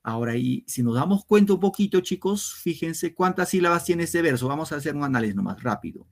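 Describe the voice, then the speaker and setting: A male teacher giving an online literature class, explaining slowly and step by step to his students. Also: on the high side, expressive, vocal fry. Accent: Peruvian Spanish. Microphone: computer mic on a video lesson.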